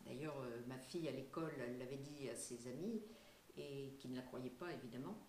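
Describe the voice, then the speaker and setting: A woman's voice: rumbling low, fairly quick, darkish tone, echoey room, a little hiss or hum. An older woman being interviewed, talking casually and hesitantly with many fillers and light laughs. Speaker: singer and voice actress, guest.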